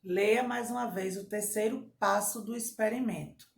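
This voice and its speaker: A woman teaching a grammar lesson to children, slowly repeating their answers and praising them. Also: mid-range voice, fairly even intonation. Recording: echoey room with faint background hiss.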